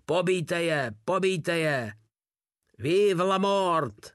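A man's voice: a little high, fairly bright tone, dry recording, studio quality, lightly acted. A man voicing a hulking, foul-mouthed soldier who bellows crude threats. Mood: battle cry.

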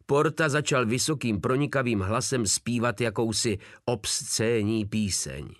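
A male narrator reads an audiobook with vivid, lively storytelling and a voice that moves up and down freely. The sound is dry and close. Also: medium pitch, no room sound.

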